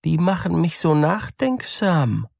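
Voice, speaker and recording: A man's voice: fairly high pitch, big pitch swings, slow pace, gravelly, a little mellow, no room sound, clean studio sound, pitched above the performer's own voice, heavily acted. A man voicing a poor, trusting female mouse in a fairy tale, fretful and easily puzzled.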